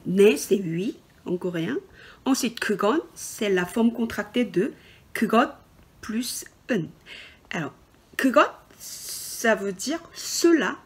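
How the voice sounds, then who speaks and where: A woman teaching a beginner language lesson over slides, explaining patiently and slowly, with fillers and self-corrections. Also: mid-range voice, slightly rough. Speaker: Korean teacher. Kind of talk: screen-recorded language lesson.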